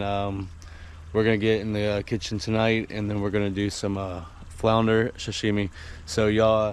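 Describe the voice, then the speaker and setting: Easygoing man, noisy outdoor recording. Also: on the low side. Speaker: host of an outdoor fishing and cooking vlog. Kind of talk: casual vlog narration. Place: outdoors, by water and at home. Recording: outdoor noise, water sounds.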